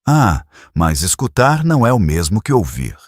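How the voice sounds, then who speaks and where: A shrewd elderly detective, voiced by a man lays out his reasoning in a calm, measured way. The voice is husky and a little lifted above a deep base, with a lively rise and fall. It sits close and dry, with no room around it. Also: no room sound. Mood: probing. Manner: measured, gently probing. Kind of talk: audiobook character reading.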